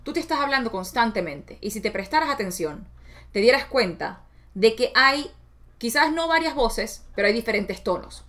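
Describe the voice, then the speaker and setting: Expressive woman talking. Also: moderate pace. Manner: expressive, acts out inner voices with shifts of pitch. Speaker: self-help speaker. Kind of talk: casual motivational talk.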